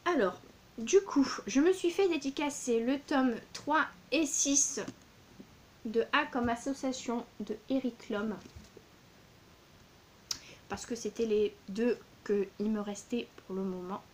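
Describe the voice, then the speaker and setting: Woman book vlogger, casual and gushing, many fillers, a bit high-pitched, light hiss on the track. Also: takes it slowly. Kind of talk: casual book haul vlog.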